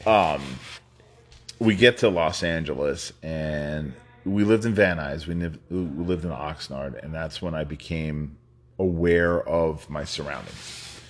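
Taking it slowly in a very deep voice, this New York man in his fifties tells his life story as a guest, rambling casually, laughing often, and restarting with many fillers.

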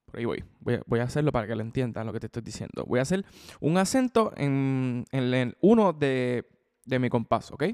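A drum teacher hosts a podcast and gives a casual spoken lesson, chatting freely, often repeating words, restarting phrases and checking in with the listener. His voice is medium-pitched, sing-song and brisk with a darkish tone, recorded with long hall reverb.

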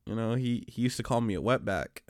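A man co-hosting a casual podcast, telling stories in a relaxed, slangy way, with many restarts. His voice is smooth and clear, and it sounds close and dry, with no room echo. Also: fairly low pitch, brisk. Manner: laid-back, slangy storytelling with frequent restarts. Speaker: podcast co-host; special education teacher. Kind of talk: casual chat.

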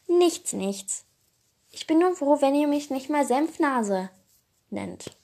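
A woman voicing a small, proud fire lizard creature who speaks slowly, plainly and with calm stubbornness in a storybook tale. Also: high-pitched, creaky, voice pushed up, full character voice. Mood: relieved.

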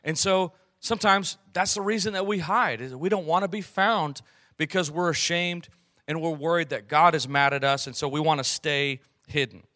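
An earnest man preaching, his voice fairly high and bright. He tells a personal story, clears his throat often and slows on key phrases. The sound is close and dry. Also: dry recording. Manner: frequent throat clearing and fillers. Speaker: pastor.

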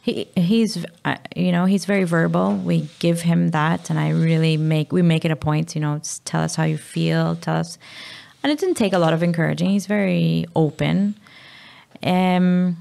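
Gravelly-voiced woman speaking frankly. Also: lowish voice, fairly even intonation, moderate pace, a little mellow. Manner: open and frank, with frequent fillers and restarts. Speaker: guest, mother of a sick child. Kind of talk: candid conversational interview.

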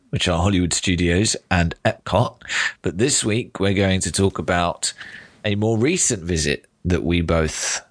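A British man with a croaky, hoarse wintry voice, chatting casually as a podcast host. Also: sits low, dry recording.

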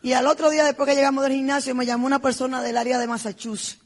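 Middle-aged woman, husky; heartfelt speaker telling her own story. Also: high-pitched, little pitch movement, racing. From Dominican Republic. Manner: heartfelt storytelling, emphatic and repetitive. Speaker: business speaker. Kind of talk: personal testimony speech.

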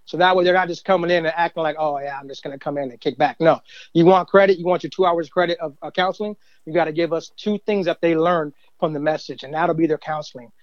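Middle-aged church volunteer, casual rambling testimony, slightly high voice, dry. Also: male voice, fairly even intonation, quick pace, no room sound, highs cut off. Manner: rambling, many fillers and "you know what I mean". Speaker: guest, church usher and youth minister.

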